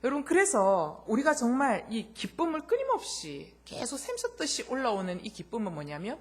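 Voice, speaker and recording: A woman's voice: fairly high pitch, wildly swooping pitch, normal speed, slightly rough. A woman pastor preaching a sermon, speaking straight to the congregation with rhetorical questions and acting out the voices in her anecdotes.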